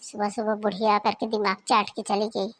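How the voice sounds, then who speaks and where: A woman's voice: mid-range voice, level tone, a little fast, slight background noise, close to an everyday voice. A woman voicing a lazy, defiant young daughter-in-law in a cartoon, with offhand, cheeky replies. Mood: lazy, rude. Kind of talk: cartoon voice acting.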